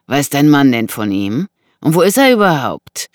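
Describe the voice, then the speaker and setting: Narrator putting on a slow, taunting menacing man. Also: medium pitch, sing-song, no room sound, clean studio sound, lightly acted. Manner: slow, taunting, drawn-out delivery. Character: threatening man with a knife, mocking and menacing.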